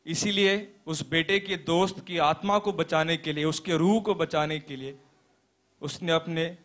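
A young man playing a pastor in a stage play, telling a parable as a sermon in a slow, earnest preaching manner with deliberate pauses. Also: on the high side, fairly even intonation, a bit bright. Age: young adult.

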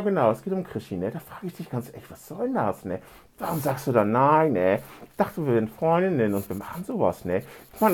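Mid-range and darkish, this man's voice carries a little background noise. He's a comedian staging a fake phone call, a one-sided comic monologue where he rambles and grumbles indignantly, ending nearly every phrase with a questioning "ne".

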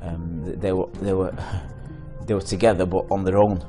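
Deep, flat-voiced man thinking aloud. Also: moderate pace, music in the background. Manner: thoughtful, searching for words. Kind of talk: documentary interview.

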